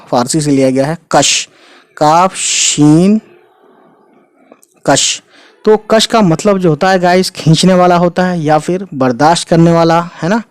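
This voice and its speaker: A man teaching Urdu words, explaining their meanings and spelling the letters out slowly as he writes, often adding "ठीक है" and "you know". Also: fairly high pitch, a little mellow, no echo. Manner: spells letters out slowly, often adds 'ठीक है' and 'you know'. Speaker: language teacher. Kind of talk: explaining Urdu words while writing them.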